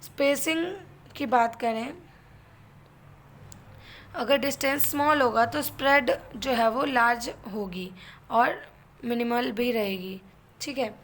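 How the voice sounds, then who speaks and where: With slight background noise behind her, a woman whose voice is on the high side takes her time, leaving long pauses. She's a physiotherapy instructor with an Indian accent, explaining in a mix of two languages and often checking in with the listener.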